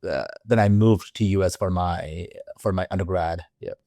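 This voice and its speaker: Low-voiced man with many restarts. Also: warm tone, dry recording, studio quality. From India. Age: 40s. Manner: halting, many fillers and restarts. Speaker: guest. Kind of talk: interview conversation.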